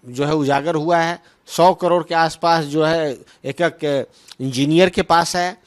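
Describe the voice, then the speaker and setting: Speaking at a measured pace with fairly even intonation, a man in the role of political spokesman responds argumentatively to questions. His voice is moderately high, he hammers points by repeating phrases, and English terms appear freely throughout.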